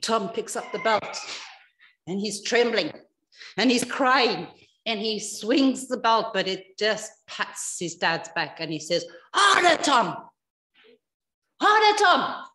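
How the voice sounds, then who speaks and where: A woman telling a story to children in a church service, expressive, swinging from soft to loud. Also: medium pitch, slow pace.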